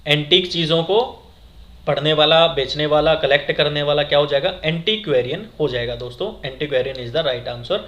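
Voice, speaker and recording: A man's voice: on the high side, moderate pace, fairly bright tone. A man teaching exam vocabulary, asking questions and repeating the answers to his viewers. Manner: asks questions then repeats the answer, addressing viewers as friends. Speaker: exam-prep English teacher. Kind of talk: classroom lesson, explaining words.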